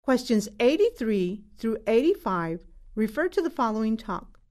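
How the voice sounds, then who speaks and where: A woman's voice: fairly high pitch, big pitch swings, moderate pace, darkish tone. A woman test narrator reading numbered exam questions as scripted narration.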